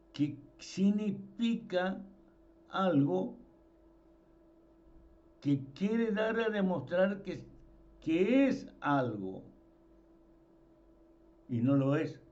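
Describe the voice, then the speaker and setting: A man preaches an informal sermon, his voice sitting high for a man. He talks slowly and leans on repeated words for emphasis. The recording sounds dull and lo-fi. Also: a little mellow.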